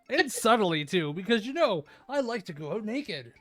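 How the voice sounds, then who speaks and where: A streamer reads a visual novel aloud over music in a live comedic read-along, ad-libbing crude jokes and laughing at his own remarks. His voice is animated and medium-pitched at a normal speed.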